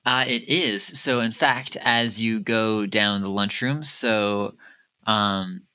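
A man narrating a murder-mystery tabletop game as game master, speaking unhurriedly and haltingly with many fillers. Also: fairly low pitch, fairly even intonation, sharp tone, smooth.

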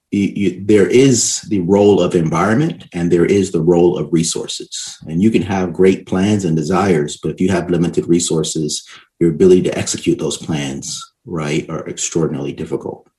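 An education and economics expert, a man from Barbados and New York City, explains his points as an interview guest. His low-pitched voice is mellow, and he is emphatic, frequently tagging his statements with a quick "right?" to check in.

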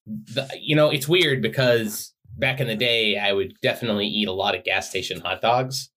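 Male podcast co-host, low voice, playful teasing banter. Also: normal speed, sharp tone. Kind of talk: casual chat.

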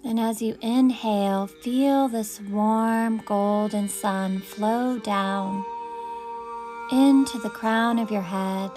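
Calm woman talking you through a meditation, super slow and soothing, faint music behind. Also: medium pitch. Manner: soft, slow, soothing invitations. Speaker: meditation guide. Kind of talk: guided meditation.

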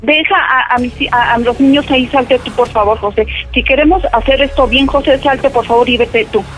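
A middle-aged woman on the phone, talking as a mother, anxious and quick to swear. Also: on the high side. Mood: pleading. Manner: anxious, then furious and swearing. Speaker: prank call victim, mother. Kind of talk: phone conversation.

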